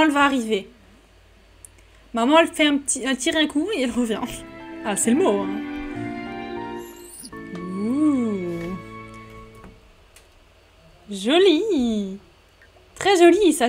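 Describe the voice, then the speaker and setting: A woman chatting casually while playing a life-simulation game, talking to her characters and getting excited at home at her microphone. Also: high voice. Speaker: gaming YouTuber. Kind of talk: casual let's-play commentary. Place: home room. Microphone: desk microphone.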